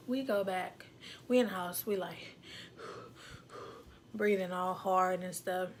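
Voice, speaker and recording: A young woman tells a story to camera, with a fairly high voice. She acts out the voices and slips into whispered asides. A faint hiss sits under her speech. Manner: dramatic retelling with acted-out voices and frequent whispered asides. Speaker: vlogger. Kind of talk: animated storytelling.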